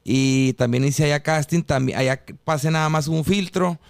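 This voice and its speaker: A man's voice: fairly high pitch, normal speed, creaky, clear, resonant tone, no echo, clean studio sound. A man with a northern Mexican accent, telling anecdotes casually in informal, slangy talk as a podcast guest. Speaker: guest singer.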